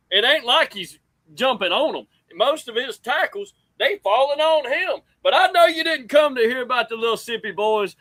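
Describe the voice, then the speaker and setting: A man with a Southern US accent hosting a sports show in casual, folksy talk, excitable and rambling. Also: very high-pitched, no room sound.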